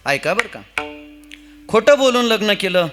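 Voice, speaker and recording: A man's voice: sits high, sing-song, measured pace, a bit bright, faint music behind. A man preaching a humorous devotional kirtan sermon, telling a village story and chanting verses.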